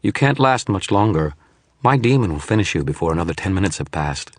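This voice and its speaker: A gloating, scornful phantom sent by a hidden sorcerer, as a man narrating puts it on, pitched well above the reader's own deep voice. It speaks with cold confidence and a husky edge, and the recording is dry and close. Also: lively intonation, a little fast, no room sound. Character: sneering shadowy phantom of an unseen sorcerer, supremely confident. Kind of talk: audiobook narration.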